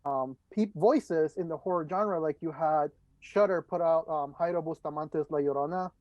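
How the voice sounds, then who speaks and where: A man from El Salvador who moved to the United States as a child hosts an interview podcast, talking casually. His voice is on the high side and a little mellow, at a normal speed. The dull, dry lo-fi microphone picks up no room sound.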